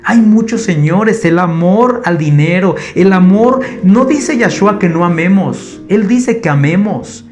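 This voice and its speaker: A man with a Mexican accent preaching a sermon, animated and addressing the congregation as brothers. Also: high voice, a little slow, hardly any pauses. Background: guitar music.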